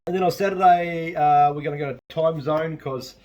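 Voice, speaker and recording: A man's voice: on the high side, steady tone, normal speed, dull audio. Rambling New man vlogging at home. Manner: rambling, chatty, swears casually. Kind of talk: casual home vlog. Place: at home in a kitchen. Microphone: handheld camera.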